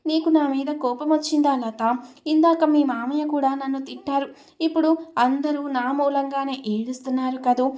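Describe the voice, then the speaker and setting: A woman narrator puts on a weeping young woman from a storybook, innocent and quick to blame herself. Her voice sits slightly high and stays in a narrow band, tearful and pleading. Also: steady tone, a little mellow, natural voice.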